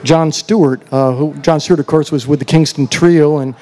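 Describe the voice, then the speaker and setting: A man's voice: a little high, fairly even intonation, normal speed, a little hiss or hum. A male country singer chatting with the crowd between songs on an outdoor festival stage, telling a story in a rambling, easygoing way into a stage mic. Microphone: stage vocal mic. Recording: live stage sound with loud band. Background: loud live band music.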